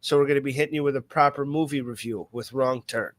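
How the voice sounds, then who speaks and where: A man's voice: medium pitch, steady tone, fast talker, no room sound. A man co-hosting a podcast in a casual, rambling chat full of fillers and restarts. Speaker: podcast co-host.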